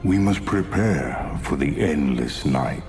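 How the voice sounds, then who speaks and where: An actor playing an ancient, sinister demon master in a video game, menacing, grandiose and coldly commanding. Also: male voice, animated, darkish tone, faint music behind, heavily acted. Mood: calm menace. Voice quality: very deep, menacing. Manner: slow, grandiose, archaic phrasing. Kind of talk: video game villain acting.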